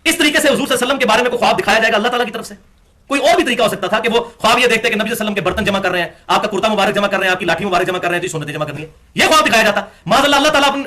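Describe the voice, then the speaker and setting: A man giving a religious lecture, citing books by page and reading passages aloud. His delivery is emphatic, swinging between raised, forceful phrases and low, quiet asides. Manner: emphatic, quotes sources and reads passages aloud.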